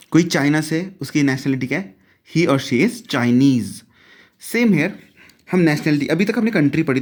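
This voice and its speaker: A young man, teaching French step by step and mixing in English phrases. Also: mid-range voice. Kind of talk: explaining a lesson.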